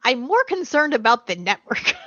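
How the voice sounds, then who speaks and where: A woman's voice: sits high, big pitch swings, moderate pace, a bit bright, no room sound, lo-fi sound. A woman chatting casually as a podcast guest, laughing often as she talks. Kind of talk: casual chat.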